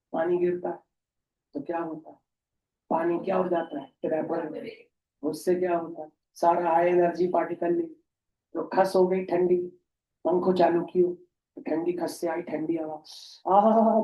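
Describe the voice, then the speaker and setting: Joking tutor, echoey room. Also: male voice, high-pitched, distant mic, muffled recording. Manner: chatty, jokey teaching with mock dialogues; mixes Hindi and English. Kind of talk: classroom science lesson.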